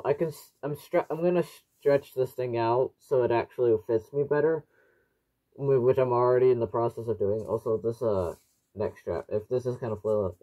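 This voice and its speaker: A young man's medium-pitched, mellow voice comes muffled through a gas mask. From a small living room at home, he gives a casual, rambling product review, explaining things as he goes.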